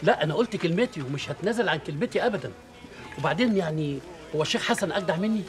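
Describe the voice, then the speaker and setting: An actor with an Egyptian accent playing a kindly, insistent middle-aged shopkeeper in a TV drama. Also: male voice, a little high, animated, racing, soft background music, close to an everyday voice. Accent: Egyptian Arabic. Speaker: shop owner. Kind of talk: TV drama acting.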